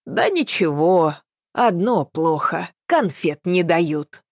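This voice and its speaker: An elderly woman in a hospital speaks simply and plaintively, in a lowish voice, as a woman narrator plays her. The audiobook sound is dry and close. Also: sing-song, slow, no echo, full character voice.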